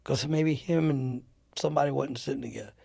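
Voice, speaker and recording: Man guest, gravelly storyteller, animated, dry close mic. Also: medium pitch, fairly quick, no echo. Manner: animated, acts out the people in his stories. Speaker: interview guest telling war-era travel stories. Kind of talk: casual storytelling.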